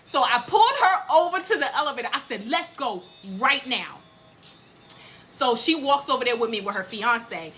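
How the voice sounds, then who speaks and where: A woman's voice: fairly high pitch, expressive, a little fast, hardly any pauses, a bit bright, faint music behind. A woman in hotel work, casually telling a dramatic story with quoted dialogue. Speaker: hotel front desk worker.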